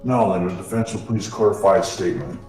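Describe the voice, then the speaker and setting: A man's voice: steady tone, quick pace, darkish tone, roomy sound, soft background music, low-quality recording. A man voicing a flustered older male courtroom judge through a voice changer, reading game lines aloud. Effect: voice changer lowering the voice.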